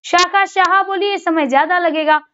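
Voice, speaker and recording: High, bright-voiced woman teaching grammar. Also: steady tone, normal speed, dull audio. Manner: repeats each point as a question and answer, drills syllables aloud. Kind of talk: online exam-prep lesson.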